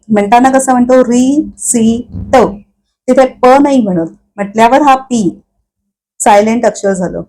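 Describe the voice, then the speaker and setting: A woman teaching English pronunciation, explaining each word slowly and patiently with many repetitions. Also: on the high side, mellow, rough recording. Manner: slow, patient explaining with repeated words. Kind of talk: Marathi-medium English pronunciation lesson.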